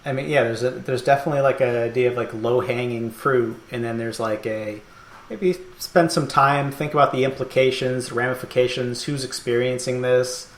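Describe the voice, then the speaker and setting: A man's voice: medium pitch, fairly even intonation, moderate pace. A man hosting a podcast, chatting casually and thoughtfully, rambling with many fillers and laughing often. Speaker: podcast host. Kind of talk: casual chat. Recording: roomy echo.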